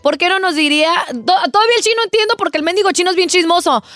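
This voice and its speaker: A woman, co-hosting a radio show with quick, playful banter. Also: very high-pitched, a bit bright, dry recording, clean studio sound, faint music behind. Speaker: radio co-host.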